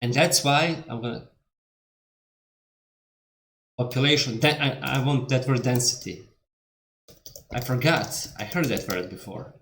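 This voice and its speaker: A man from Montenegro, a native Serbian speaker with a Montenegrin accent, hosts a reaction video, rambling candidly through casual commentary. His voice is medium-pitched and fairly bright at a moderate pace. The room is echoey, with slight background noise.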